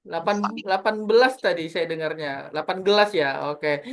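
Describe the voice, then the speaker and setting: A woman public speaking trainer teaching an online class, animated and always addressing her audience as friends, over a video call. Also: low voice, normal speed, gravelly, a little hiss or hum.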